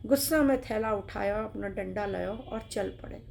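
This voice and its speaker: A woman storyteller narrating a devotional tale in a slow, drawn-out, emphatic way. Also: mid-range voice, gravelly, a little mellow, a little hiss or hum.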